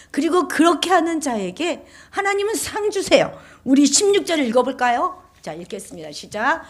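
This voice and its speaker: A middle-aged woman pastor delivering a sermon, swinging between loud, emphatic declarations and hushed near-whispers, and acting out the voices of critics. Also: a little high. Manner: acts out quoted voices of critics and of God.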